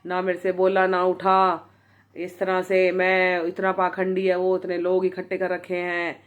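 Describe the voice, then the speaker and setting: A woman's voice: on the low side, monotone, measured pace, muffled recording, lightly acted. A woman voicing an arrogant, angry male politician who blusters and threatens in a told story. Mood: angry boastful.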